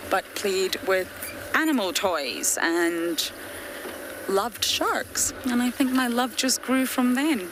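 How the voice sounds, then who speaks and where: A woman from Scotland with a Scottish accent, a safari guide chatting earnestly to viewers during a live game drive. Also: medium pitch. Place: open safari vehicle outdoors in the bush at dusk. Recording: outdoor bush ambience and vehicle noise.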